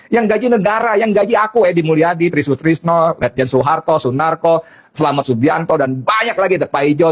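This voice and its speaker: A man's voice: on the high side, breathy edge. A middle-aged man delivering a heated political monologue, combative and mocking, repeating his points and scolding his target directly. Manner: addresses target directly and scornfully. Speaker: political commentator.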